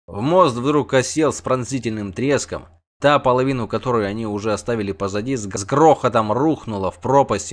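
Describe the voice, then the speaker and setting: A man reads a fantasy audiobook in a mid-range voice. His narration is tense and vivid, pressing through the action. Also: mid-range voice.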